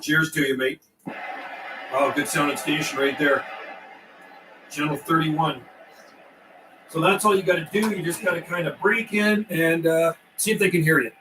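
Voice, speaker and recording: Pitched on the high side, this older man talks at a moderate pace, leaving long pauses as he casually chats and calls out over CB radio on a livestream. His manner is folksy, with radio phrases coming up again and again. The recording is roomy and distant, with faint background noise.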